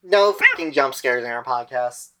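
A woman's voice: rumbling low, lively intonation, moderate pace, a bit bright. A woman chatting casually as a podcast co-host. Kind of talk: casual chat.

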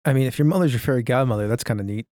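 A man playing in a tabletop role-play session, joking around in quick banter. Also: mid-range voice, dark tone, no room sound, clean studio sound. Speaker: player.

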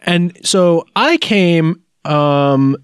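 A man's voice: a little high, expressive, extremely slow, clean tone, dry recording. A man co-hosting a podcast in casual comedic chat, with a hesitant, dry-humoured delivery. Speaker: podcast co-host.

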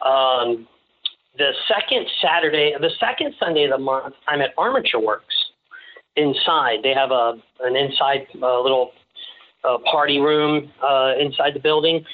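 A man chatting casually as an interview guest, rambling and halting, with a jokey way of talking. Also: mid-range voice. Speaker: podcast guest, small-business owner. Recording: slightly dull, lo-fi sound.

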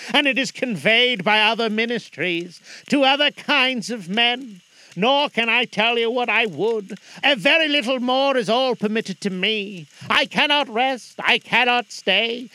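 A man voicing the mournful, chained ghost of a dead old businessman, speaking in a solemn, slow lament. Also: extremely high pitch, sharp tone, voice pushed up, heavily acted, rough recording.

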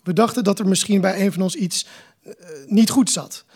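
A man, the author, reading aloud from his novel in a measured, calm way at a live book presentation. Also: high voice, husky.

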